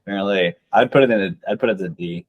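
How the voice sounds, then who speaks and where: Lowish man giving blunt joking takes. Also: racing, narrow, tinny audio. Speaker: co-host ranking songs. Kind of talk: casual chat.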